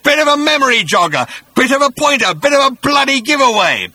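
A man voicing a vengeful, reincarnated male creature spirit with a rumbling, rasping voice that is menacing and swells into furious bellowing. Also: animated, moderate pace, pushed and bright, no room sound. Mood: bellowing rage. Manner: menacing, rising to shrieking fury. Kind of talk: audiobook character voice.

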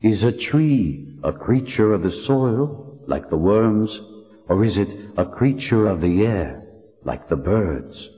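A man voicing the spirit of an ancient male ancestor, speaking slowly and solemnly in riddles. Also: lowish voice, lively intonation, long reverb tail, highs cut off, faint music behind.

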